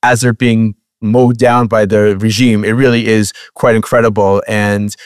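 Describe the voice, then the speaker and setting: A man's voice: fairly low pitch, flat delivery, a little slow, clear, resonant tone, no room sound, studio quality. A man co-hosting a podcast, chatting casually with fillers and restarts, then introducing the show and a guest. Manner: conversational, with frequent fillers and restarts. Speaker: podcast co-host.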